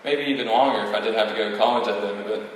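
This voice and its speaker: Delivering his valedictorian speech from a prepared text, this eighteen-year-old young man stumbles occasionally and speaks very fast. His voice is on the low side, with fairly even intonation. He faces an audience in a large, very echoey hall, recorded from a distant mic with faint background noise.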